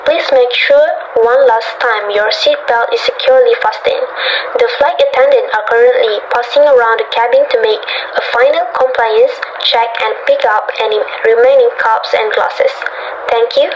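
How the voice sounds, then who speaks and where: A woman playing a flight attendant, reading cabin announcements in a steady, formal way. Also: fairly high pitch, moderate pace, a little hiss or hum, close to an everyday voice. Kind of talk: read-aloud cabin announcements. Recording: slightly dull, muffled sound.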